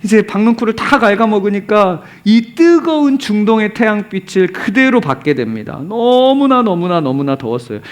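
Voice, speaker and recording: A man's voice: high-pitched, very animated, normal speed, few pauses. A male pastor preaching a sermon, telling the story with animation and asking the congregation rhetorical questions, sometimes dropping to a near whisper for emphasis.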